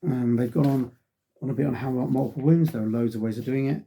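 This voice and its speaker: A middle-aged man with a mid-range voice rambles casually through a review of a wargaming magazine, sighing often and filling pauses with ums as he recovers from a cold that's stealing his voice. He talks fast, with a creaky, warm sound and a breathy edge.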